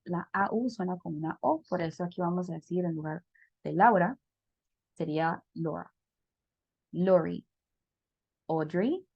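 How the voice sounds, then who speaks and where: A woman's voice: fairly low pitch, gravelly, no room sound, muffled recording. A woman teaching a pronunciation class over a video call, explaining step by step and checking in with her students. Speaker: English teacher.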